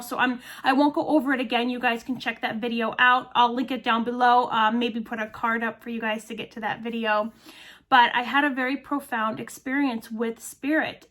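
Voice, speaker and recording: A woman's voice: high-pitched, a bit bright. A woman in her late thirties, a medium and channel host, talking earnestly and chattily straight to her viewers. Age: 30s. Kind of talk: casual talk to camera.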